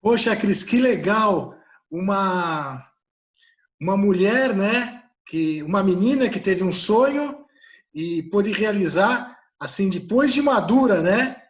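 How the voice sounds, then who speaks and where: A man's voice: high-pitched, expressive, slow, highs cut off. A man hosting an interview, chatting casually and hesitantly, with frequent restarts. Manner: hesitant, many restarts and fillers. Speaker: interview host.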